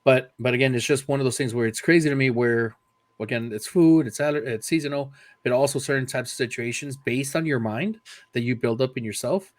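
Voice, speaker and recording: A man's voice: medium pitch, fairly quick, no room sound. A young man co-hosting a podcast, talking loosely, swearing casually and mixing in Spanish. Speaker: podcast co-host. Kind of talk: casual chat.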